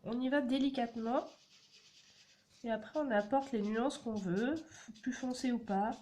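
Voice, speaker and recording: A woman's voice: fairly high pitch, a little slow, darkish tone. A woman, chatting through a card-making tutorial and explaining each step as she works. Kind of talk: casual crafting tutorial. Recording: audible background noise.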